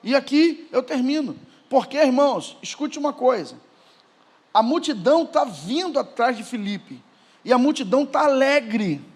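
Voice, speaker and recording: A man preaching a Pentecostal sermon in church with a Brazilian Portuguese accent, moving from quiet, low talk to shouted proclamations. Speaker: pastor.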